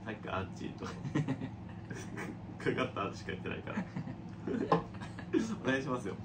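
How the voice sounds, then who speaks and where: A young man hosting a casual chat with teasing banter and questions, animated and quick to react. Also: lowish voice, echoey room. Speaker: host leading the chat. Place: small indoor lounge, on a sofa. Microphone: camera a little way off. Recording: very noisy room, distant camera mic.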